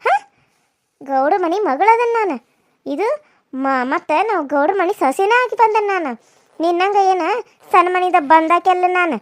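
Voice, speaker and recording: A woman voicing a domineering older village mother-in-law, who scolds and taunts slowly. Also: extremely high pitch, no room sound, studio quality. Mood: scolding. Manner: scolding, insulting, drawn-out taunts. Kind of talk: cartoon voice acting.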